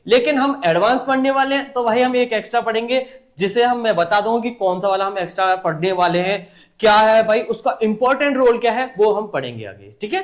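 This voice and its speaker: Lively high-voiced male teacher. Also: a little fast. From India. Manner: repetitive call-and-response teaching; colloquial, addresses class as brother. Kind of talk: online class lesson.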